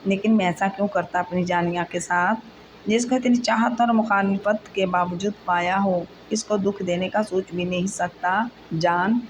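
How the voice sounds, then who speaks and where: A woman's voice: medium pitch, moderate pace, natural voice, low-quality recording. A woman voicing a young man, a devoted husband who speaks tenderly and reassures his wife. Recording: steady background noise.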